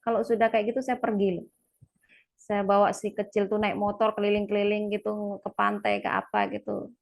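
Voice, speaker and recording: A woman talking frankly to a live audience about her own parenting. She is chatty, laughs often, and leaps into a sharp high voice when she acts out quoted lines. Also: lively intonation, moderate pace. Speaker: speaker sharing parenting experience. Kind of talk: casual talk to a live audience.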